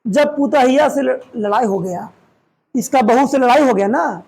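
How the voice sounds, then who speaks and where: A man teaching a class, loudly quizzing students and retelling a story in dialect. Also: very high voice, a little slow, vocal fry, slightly rough, poor audio. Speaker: coaching centre teacher. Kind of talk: classroom Hindi lesson with quizzing. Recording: faint room noise and chatter.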